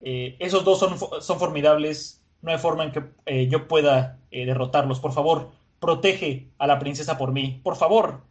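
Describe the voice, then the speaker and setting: A man voicing a loyal male royal guard commander who pleads for help, halting and stumbling. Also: fairly high pitch, lightly acted. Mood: pleading.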